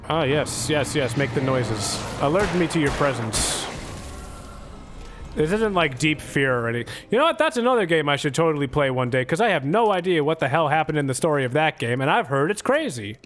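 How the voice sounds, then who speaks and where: A man's voice: on the high side, sing-song, a little fast, music in the background. A young adult man streaming a game live, rambling through sarcastic, profane jokes as he plays. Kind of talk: live gameplay commentary.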